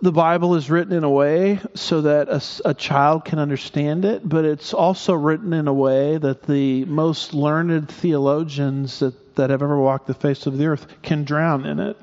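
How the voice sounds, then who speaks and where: Male pastor, sermon, conversational asides, a bit high, slightly dull lo-fi sound. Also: fairly even intonation, normal speed, hardly any pauses, a little mellow. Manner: conversational preaching with asides and restarts.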